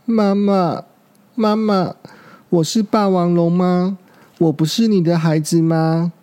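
A man's voice: a little high, animated, unhurried, creaky, mellow, heavily acted. A man voicing a frightened, stubborn little boy dinosaur in a children's storybook reading, talking in a pleading, insistent way. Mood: tearful.

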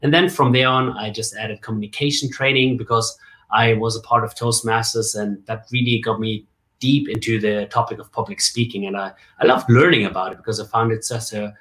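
Lively German-raised man telling his story. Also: mid-range voice. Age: 40s. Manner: lively storyteller, jokes and rhetorical asides. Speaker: guest, communication coach and MC. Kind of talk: casual interview on a video call.

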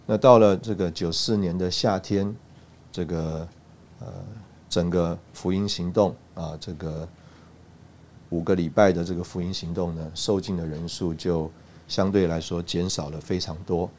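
A man from Taiwan recounting a personal church testimony, halting, with frequent "uh" and "ah" fillers. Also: low-pitched, steady tone, darkish tone, a little hiss or hum. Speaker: church speaker giving a testimony.

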